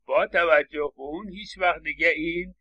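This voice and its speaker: A middle-aged university lecturer, a man, explaining patiently and stressing words as he repeats examples, with English words. His voice is gravelly yet bright and sits a little high for a man. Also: steady tone, lo-fi sound. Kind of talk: recorded lecture.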